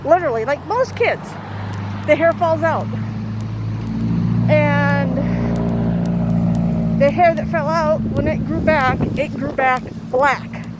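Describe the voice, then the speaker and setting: A woman chatting casually and haltingly to her vlog viewers, outdoors in strong wind. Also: sits high. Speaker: vlogger. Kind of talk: casual rambling vlog chat. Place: outdoors in windy weather. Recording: loud wind noise, outdoors.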